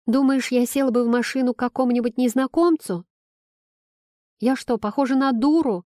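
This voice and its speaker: A woman voicing a sassy, bossy young pregnant woman, speaking higher than her narration. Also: moderate pace, darkish tone, dry recording, clean studio sound, natural voice. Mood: indignant.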